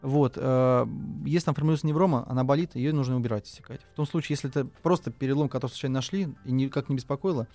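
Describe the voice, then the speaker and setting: A man's voice: medium pitch, very fast, hardly any pauses, warm tone, faint music behind. A man working as a trauma surgeon, answering listener questions on radio, talking with many fillers and restarts.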